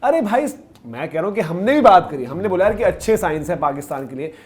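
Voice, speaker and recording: A man's voice: high-pitched, sing-song, fast talker. A man co-hosting a cricket talk show, explaining and arguing his points in casual panel chat. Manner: explanatory, argumentative.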